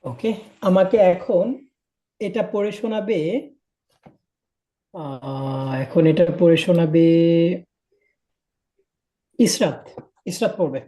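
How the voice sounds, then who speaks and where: A man's voice: sits high, slow pace, pauses often, mellow. Patient man drilling a live class. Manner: patient, drills by repetition and checks understanding. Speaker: language teacher.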